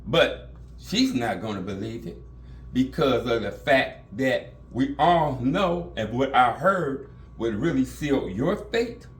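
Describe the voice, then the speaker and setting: A cold, vengeful grown son, as a man puts him on, calmly spelling out threats with a lively rise and fall in his voice. He sounds matter-of-fact and merciless. The voice is heard in an echoey room. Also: mid-range voice, distant mic.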